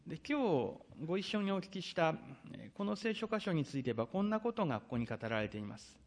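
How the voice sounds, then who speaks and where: A male pastor preaches in a fairly high voice that swoops up and down with lively intonation. He reads verses aloud and then explains them at an unhurried pace. Drawn-out hesitations run through his talk. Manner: frequent drawn-out hesitation fillers. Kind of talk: sermon with scripture reading.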